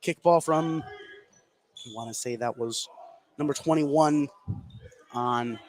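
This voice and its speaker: A man with a medium-pitched, slightly mellow voice calls live basketball play-by-play slowly from courtside in an indoor gym. Noisy gym ambience, game sounds, and a bouncing ball fill the background.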